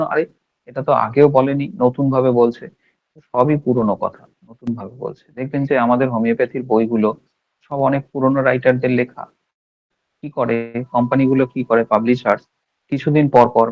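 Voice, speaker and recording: A man's voice: mid-range voice, muffled recording. A man from India giving an emphatic lecture on homeopathic remedies and acting out patients' complaints in quoted voices.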